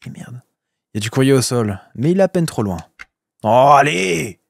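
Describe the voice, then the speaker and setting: A man's voice: medium pitch, animated, moderate pace, vocal fry, no echo, clean studio sound. A man giving casual let's-play commentary, crude and joking, swearing often. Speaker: video game streamer.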